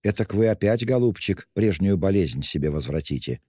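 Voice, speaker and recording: A man's voice: deep voice, lively intonation, normal speed, warm tone, slightly rough, dry recording, clean studio sound, big-room sound. A man voicing a sly, fawning middle-aged male police investigator who talks in wheedling, mocking endearments.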